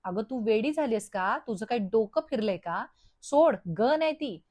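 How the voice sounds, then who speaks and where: A woman's voice: a little high, expressive, normal speed, darkish tone. A woman reading out a stern scolding mother. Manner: scolding, firm.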